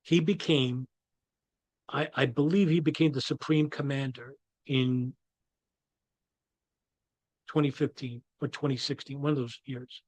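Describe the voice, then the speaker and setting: A man's voice: medium pitch, fairly even intonation, measured pace, long pauses, darkish tone, no echo. A man with a New York accent giving his own views in a rambling monologue, full of restarts and fillers. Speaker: commentator. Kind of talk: casual monologue.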